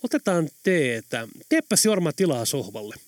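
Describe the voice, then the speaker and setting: Audiobook role: determined adult man, lively delivery, read by a male narrator. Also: fairly high pitch, dry recording.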